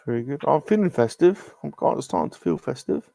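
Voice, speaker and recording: A man's voice: medium pitch, animated, fairly quick, vocal fry, dark tone, no echo, studio quality. A British man hosting a casual live-stream chat, chatty and laughing often. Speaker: host.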